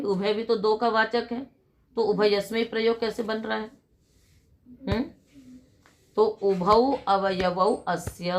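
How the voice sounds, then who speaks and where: A middle-aged woman with a mid-range voice teaches Sanskrit grammar in a lecture. She poses questions to her class and answers them herself, reciting rules in a slow, measured chant.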